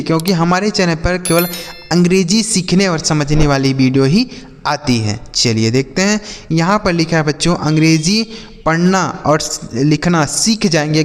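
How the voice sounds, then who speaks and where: An English teacher gives a YouTube reading lesson for children, patiently posing questions and then answering them himself. His voice is on the high side, at a moderate pace, with a big-room sound.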